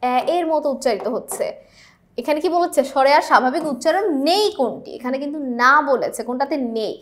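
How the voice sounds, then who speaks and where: A woman's voice: high-pitched, lively intonation, fast talker. A young woman teacher giving an exam-prep grammar lesson, explaining step by step and often checking with the students. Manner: explains step by step, often asks the class to confirm.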